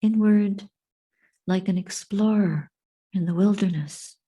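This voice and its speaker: This is a woman with a mid-range, soft and breathy voice, guiding listeners through meditation and reflection as a Buddhist teacher. She speaks gently in measured, contemplative phrases separated by long pauses.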